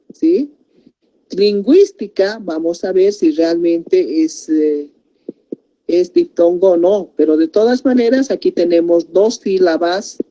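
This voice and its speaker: A woman's voice: fairly low pitch, dark tone. A woman teaching a grammar lesson, explaining step by step and breaking words into syllables.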